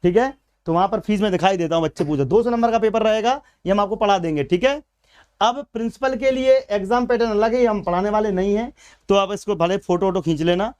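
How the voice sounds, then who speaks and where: A man with a Madhya Pradesh Hindi accent runs a live exam-prep class. His voice sits high and sounds smooth and clear. He talks to the students informally and calls them beta and bhaiya. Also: fast, a little mellow. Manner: chatty, addresses viewers as beta and bhaiya. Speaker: exam coaching teacher.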